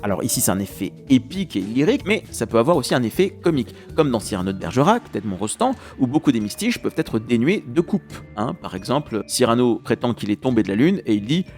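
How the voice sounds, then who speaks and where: A man's voice: medium pitch, quick pace, hardly any pauses, faint music behind. Man teaching verse rhythm. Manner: lively, scans verse aloud, counting beats. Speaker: French literature teacher. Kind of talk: exam-prep lesson on verse rhythm.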